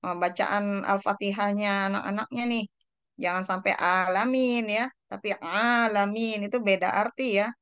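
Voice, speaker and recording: Woman lecturer teaching a class, smooth clear voice, lots of fillers, slows down on arabic words, dry close sound. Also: mid-range voice, little pitch movement, a bit bright, dry recording. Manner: explains with many fillers and tag questions. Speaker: university lecturer.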